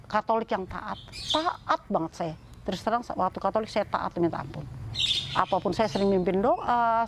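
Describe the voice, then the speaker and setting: Middle-aged woman, casual storytelling, chatty with restarts, acts out dialogue, faint noise and birds behind. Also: mid-range voice. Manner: chatty, many fillers and restarts, re-enacts dialogue. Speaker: interviewee telling her conversion story.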